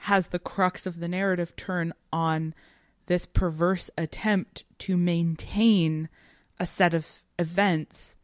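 A podcast co-host with a notably low voice talks slowly and with fairly even intonation, conversational yet analytical, stressing key words and reflecting aloud in academic phrasing. The recording is very dry.

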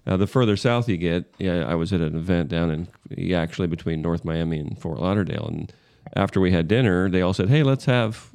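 A middle-aged man from the northern United States, co-hosting a podcast and rambling through stories with many pauses. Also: sits low, vocal fry, a little mellow, clear, resonant tone, no echo, clean studio sound. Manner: rambling, hesitant with fillers. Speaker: podcast co-host. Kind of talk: casual chat.

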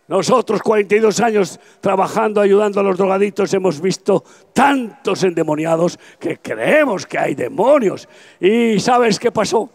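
A man in his seventies with a Spanish accent from Spain, preaching an impassioned open-air evangelistic sermon that swings between soft confiding and shouting. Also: high-pitched, vocal fry, slightly rough. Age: 70s. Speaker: pastor. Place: outdoors at a campaign event.

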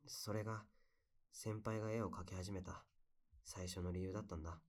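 A man acts out a lovelorn young man in an intimate pillow-talk audio drama. His voice sits low. He confides softly and casually, with a wistful, regretful tenderness. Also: little pitch movement, moderate pace, natural voice. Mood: tender, sad. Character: heartbroken young man confiding about lost love.

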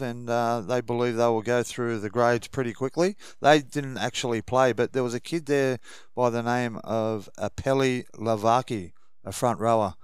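Crisp, casual Australian man on sports radio. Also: medium pitch, no room sound, studio quality. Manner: colloquial, matey. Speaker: radio show co-host. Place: radio studio.

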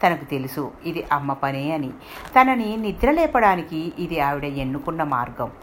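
Low-voiced woman telling a story. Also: lively intonation, normal speed, a little hiss or hum. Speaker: narrator. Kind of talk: storytelling narration.

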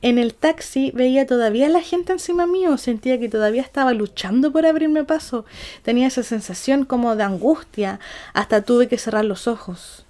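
A young Chilean woman with a Chilean accent, telling a story casually in an animated, slangy way. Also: a little high, a little fast. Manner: animated and slangy, acts out quotes.

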